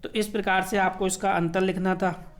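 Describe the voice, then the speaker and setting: High-voiced man teaching an exam paper. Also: little pitch movement. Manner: repeats words slowly, asks and answers himself.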